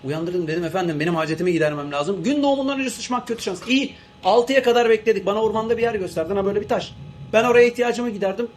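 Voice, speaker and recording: A man's voice: high-pitched, steady tone, rapid-fire, slight background noise, lightly acted. A man playing an exasperated male airline captain who grumbles, rants and swears between cabin announcements. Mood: grumbling. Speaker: comedian doing a character. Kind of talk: comic monologue sketch.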